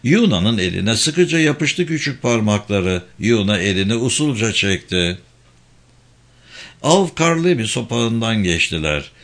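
A man narrating a story as an audiobook, with an expressive, lively reading. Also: on the low side, unhurried.

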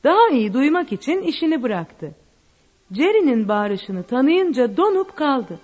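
A woman narrating a story in an expressive, dramatic reading style. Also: high-pitched, a little slow, long reverb tail. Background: faint music.

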